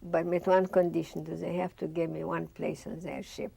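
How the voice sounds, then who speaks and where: An older Bessarabian woman with a Russian accent sits in a studio before a dark curtain, sharing her life story for an oral history and acting out remembered dialogue. Her voice is on the low side and creaky, warm with a breathy edge, with little pitch movement at a normal speed. There's no echo.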